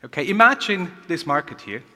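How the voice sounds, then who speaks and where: A man delivers an energetic conference keynote and keeps asking the audience rhetorical questions. His voice sits fairly high and sounds bright and forceful. A long reverb from the large hall trails each phrase. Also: a little fast. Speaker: keynote speaker.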